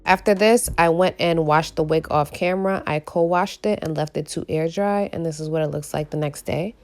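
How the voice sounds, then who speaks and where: Low raspy gravelly lady doing a beauty tutorial voiceover, getting over a cold, music behind her. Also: moderate pace. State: recovering from a cold. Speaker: beauty vlogger.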